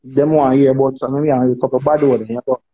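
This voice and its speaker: A man with a Jamaican accent chatting on a phone livestream, telling animated stories, laughing and acting out dialogue. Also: medium pitch, racing, highs cut off, a loud crowd. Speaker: dancehall artist on a live stream. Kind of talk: casual chat on a livestream.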